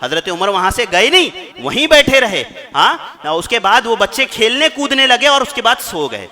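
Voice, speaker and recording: A man's voice: very high-pitched, sing-song, sharp tone. A man giving a Friday sermon in a mosque, retelling stories with quoted dialogue and repeating phrases for emphasis.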